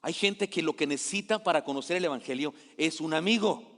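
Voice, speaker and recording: A male pastor preaching with a fairly high voice and a lively, chatty delivery. He keeps turning to the congregation with questions. His words echo through a church sanctuary with a long reverb. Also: fairly quick. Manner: lively, conversational, asks the crowd questions. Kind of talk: sermon. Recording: echoey church hall.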